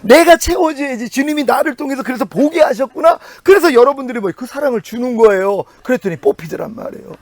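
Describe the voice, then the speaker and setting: Man, sermon, high voice, gravelly, very animated, dry close sound. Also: quick pace, few pauses, no room sound. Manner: animated preaching with sudden pitch jumps and quiet drops. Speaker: pastor.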